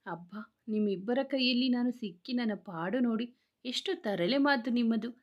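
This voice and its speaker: A woman's voice: a little high, normal speed, lo-fi sound, lightly acted. A woman voicing a shy pregnant young woman who protests bashfully at teasing.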